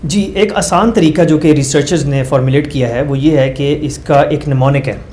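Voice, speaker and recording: This guest is a male doctor with a fairly high, slightly mellow voice at normal speed, with slight background noise. He lays out research methods in numbered points, drawing on everyday examples, pausing with hesitant fillers and mixing in English phrases.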